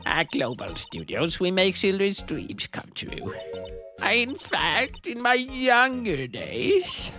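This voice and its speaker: A man putting on a shrill, cranky old security lady. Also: wildly swooping pitch, takes it slowly, heavily acted. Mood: gossipy. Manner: scolding, rambling, shrill. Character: cranky older female studio security guard. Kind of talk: fan dub of a video game. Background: music.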